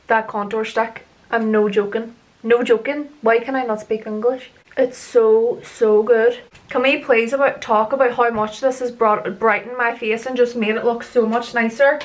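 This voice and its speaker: A young woman chatting casually through her makeup routine as a beauty vlogger, rambling and tripping over her words as she laughs at herself. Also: a little high. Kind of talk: casual makeup tutorial chat.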